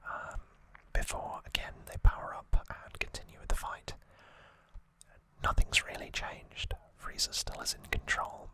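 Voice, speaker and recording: In a rough-sounding recording, an ASMR host gives a relaxed recap in a gentle, unvoiced, breathy whisper. The explanations come hesitantly and softly, at a measured pace.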